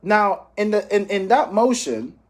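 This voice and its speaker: A measured, sing-song man's voice that sits high comes from a Jamaican sales coach in finance. He gives an informal motivational training talk, acting out phone examples, emphatically repeating key phrases, and checking in with listeners.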